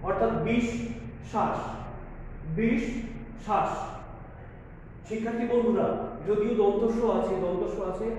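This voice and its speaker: A man's voice: high-pitched, warm tone, slight background noise. A man teaching a college Bengali class in a recorded lecture, patient and repeating each point for his students. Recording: echoey, dull lo-fi room recording with long reverb.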